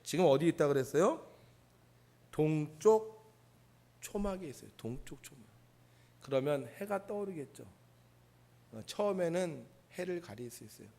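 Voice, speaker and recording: A male pastor preaching a sermon, with dramatic pauses and rhetorical questions to the congregation. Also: fairly high pitch, expressive, creaky, warm tone.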